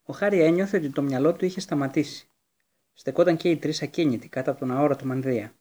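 A man narrates a novel aloud in a steady, dramatic storytelling manner. His voice is mellow and warm, with a husky grain and a slightly high pitch. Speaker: audiobook narrator.

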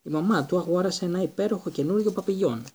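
Guy doing a cooing fussy aunt, bit higher voice, raspy edge. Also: a little mellow. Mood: doting. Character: doting fussy middle-aged aunt.

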